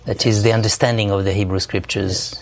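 Low-voiced scholar, wry and hesitant. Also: male voice, level tone, a little fast. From France. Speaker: biblical scholar, guest. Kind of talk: interview.

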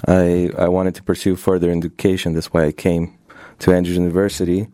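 Deep, mellow-voiced man from Brazil. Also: level tone, fairly quick, dry recording, studio quality. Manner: hesitant, with fillers. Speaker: doctoral student guest. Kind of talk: interview and spoken prayer.

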